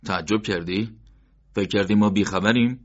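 A man's voice: fairly low pitch, voice pushed up, close to an everyday voice. A man voicing a menacing male secret-police interrogator who threatens and sneers, in an audiobook. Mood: sneering. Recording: dull lo-fi recording.

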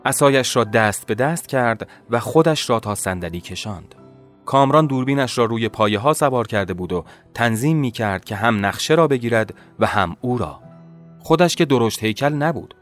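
A man reads a first-person story aloud in measured, dramatic tones. Soft music plays faintly beneath his voice. The pitch of his voice sits mid-range. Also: expressive. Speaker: narrator. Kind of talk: first-person audiobook narration.

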